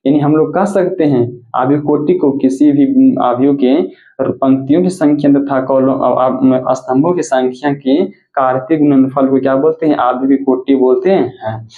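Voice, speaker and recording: A man's voice: mid-range voice, steady tone, moderate pace. Man teaching maths in an echoey room. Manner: repetitive, asks and answers his own questions. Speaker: mathematics teacher. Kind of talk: classroom lecture. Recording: echoey, tinny phone-like audio.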